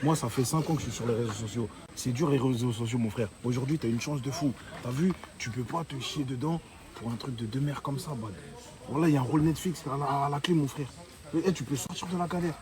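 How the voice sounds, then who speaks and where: A man's voice: mid-range voice, fast talker, crowd noise. A man giving an insistent, consoling pep talk in street slang, with music playing under his voice. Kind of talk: casual chat with street slang.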